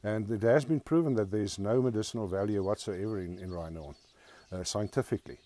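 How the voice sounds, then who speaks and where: Low, mellow, halting man. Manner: halting, repeats words. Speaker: expert interviewee. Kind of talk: explaining in an interview.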